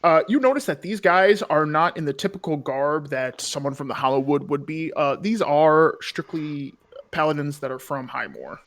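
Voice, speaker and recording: Higher-voiced man, halting game master. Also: animated, fairly bright tone. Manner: halting, informal, searching for words. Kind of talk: casual tabletop game narration.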